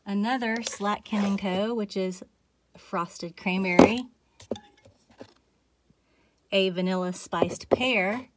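A chatty woman runs through a long list, one item after another, with plenty of fillers. Her voice sits at an ordinary middle pitch, and she sounds a little out of breath. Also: slow pace, pauses often, noisy background. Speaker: candle collection vlogger. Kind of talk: casual chat, listing items.

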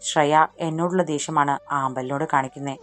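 A gentle, worried young mother, read by a woman narrator, speaking softly and earnestly. Her voice is low and calm, with faint music playing behind it. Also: fairly quick, natural voice.

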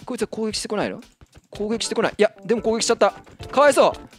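Excitable man doing Minecraft commentary. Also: high voice. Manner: excitable, yelps and laughs when startled. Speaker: Minecraft let's-play host. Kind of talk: casual gameplay commentary.

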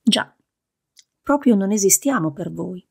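A woman voicing a stout, serious older father who speaks slowly and gravely, sighing heavily. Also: medium pitch, expressive, darkish tone, full character voice. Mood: stern. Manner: slow, grave, heavy sighs.

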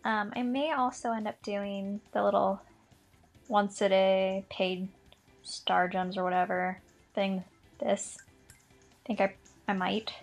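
A woman's voice: medium pitch, creaky, low-quality recording. A young woman doing casual commentary on her gacha game pulls, bubbly and gushing, giggling and apologizing as she talks, a little under the weather. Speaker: gaming vlogger. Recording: faint background game music.

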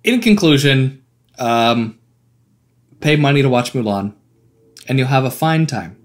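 A man's voice: medium pitch, expressive, measured pace. A man co-hosting a podcast, chatting casually in a wry, opinionated way with laughing asides. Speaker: podcast co-host. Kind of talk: casual chat.

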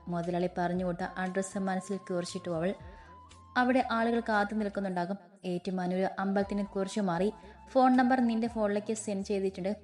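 A woman's voice: mid-range voice, dark tone. A woman narrating a romantic audiobook story, reading each character's lines in her own narrating voice. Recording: faint background music.

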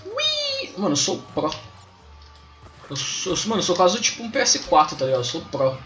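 Animated high-pitched Brazilian guy streaming games. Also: a little fast. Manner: slangy, sweary, rambling. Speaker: gaming live streamer. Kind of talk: casual live game commentary. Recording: roomy home stream with game music. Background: faint game music.

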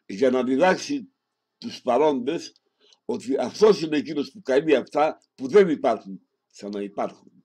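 A man reads a homily aloud in a solemn, measured way. His voice is dark and mellow at a middling pitch, and he speaks directly to the listener before closing with prayers. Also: expressive, husky. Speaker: reader of a sermon.

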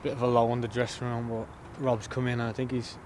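This post-match interview features a thirty-something footballer outside beside the pitch, speaking simply and repeating words as he thinks. His pitch barely moves, he speaks a little fast, and there's background noise.

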